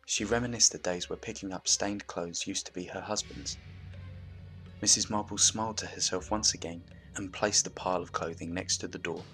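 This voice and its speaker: A man reading a story aloud as narrator in a steady, even manner, with faint music behind. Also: deep voice, vocal fry.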